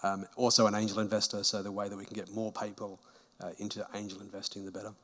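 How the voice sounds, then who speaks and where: A man who works as a venture capital investor, introducing himself to a panel in a brisk, businesslike way. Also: on the low side, flat delivery, fairly bright tone.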